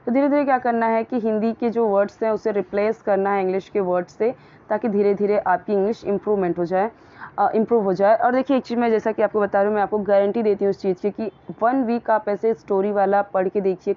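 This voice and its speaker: A woman explains English grammar in a relaxed classroom manner. She is patient and stops to repeat words slowly and clearly. Her voice sits in a middle pitch, and the recording sounds a little dull and lo-fi. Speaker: English teacher. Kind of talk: explaining English grammar and pronunciation in a casual lesson.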